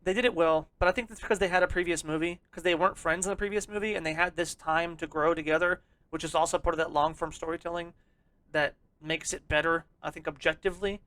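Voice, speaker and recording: A podcast co-host in casual chat, talking excitably and rambling with lots of swearing. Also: mid-range voice, fast talker, no echo.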